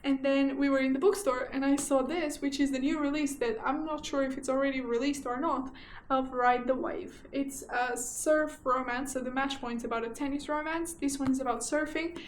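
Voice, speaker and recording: A young woman from Portugal with a Portuguese accent talks in a bright, high register. She chats casually and animatedly, often doubling her phrases. The room around her is echoey, with faint ambient noise behind. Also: moderate pace. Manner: chatty and animated, repeats herself for emphasis. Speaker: book vlogger. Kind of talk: casual chat.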